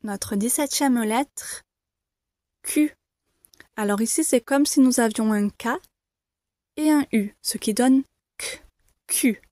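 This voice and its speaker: A woman teaching the alphabet to beginners, saying each letter slowly and clearly, repeating it and reassuring learners. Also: on the high side, mellow, no room sound, studio quality. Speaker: French teacher. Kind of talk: slow, careful pronunciation lesson.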